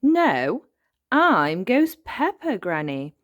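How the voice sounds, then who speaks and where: A woman voicing a cheerful, excitable little girl piglet, reading a storybook aloud with a bouncy, eager manner. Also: mid-range voice, drawn-out words, no echo, clean studio sound, voice pushed up. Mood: excited.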